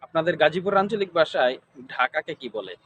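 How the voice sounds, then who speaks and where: High voiced guy asking repeat questions, faint outdoor noise. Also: animated, brisk, fairly bright tone. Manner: repetitive, formulaic questioning. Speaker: interviewer. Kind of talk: interview questions.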